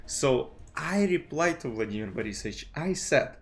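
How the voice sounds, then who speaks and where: Animated and at normal speed, a medium-pitched man, a chess streamer whose native language is Russian, rambles through casual vlog commentary. He keeps saying "you know" and restarting sentences. He's at his home streaming desk, using a desk mic and webcam.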